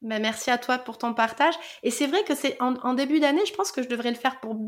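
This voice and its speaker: A woman with a high, fast voice hosts a podcast, chatting casually and playfully with a guest and laughing often.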